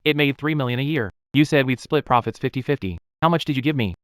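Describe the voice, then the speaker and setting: An actor playing a young, proud fruit tree breeder who talks steadily and bluntly in a dubbed drama. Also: male voice, mid-range voice, quick pace, smooth, no echo, clean studio sound, lightly acted. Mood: cold reproach. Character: proud self-made durian grower, young man, calm and firm.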